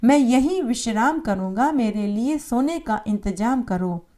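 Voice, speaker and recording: A woman voicing a wandering holy man who demands food and a bed, speaking slowly and insistently. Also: on the high side, expressive, dark tone. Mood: demanding. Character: old sadhu man begging for food, demanding.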